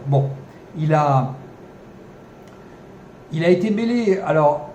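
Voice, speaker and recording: This podcast host has a fairly high yet dark-toned male voice. He comments without a script, stumbling through fillers and restarts while dropping dry, ironic remarks, and the recording carries room echo and a little background noise.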